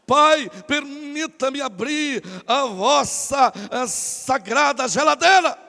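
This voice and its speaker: A man's voice: very high voice, takes it slowly, creaky, pushed and bright, long reverb tail, heavily acted. A man putting on a pompous stilted son. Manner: solemn, stilted formal diction. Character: pompous overly formal grown son addressing his father.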